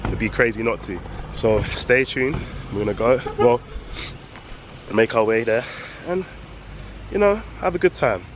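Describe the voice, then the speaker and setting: A man's voice: mid-range voice, animated, unhurried, dull audio, slight background noise. A man vlogging casually on a farm tour, joking and using slang in a laid-back way. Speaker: travel vlogger. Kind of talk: casual vlog chat. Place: outdoors on a farm.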